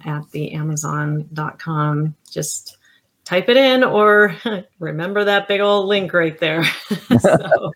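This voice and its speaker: A woman with a somewhat low voice hosts an online conversation. Her talk is casual and informal, like someone guiding a relaxed chat. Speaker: interview host. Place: online video call with screen sharing.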